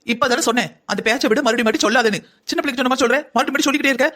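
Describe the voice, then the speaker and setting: A man's voice: very high voice, very fast, pushed and bright, full character voice. A man voicing a stern middle-aged mother in a cartoon story who scolds her daughter with rhetorical questions. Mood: scolding.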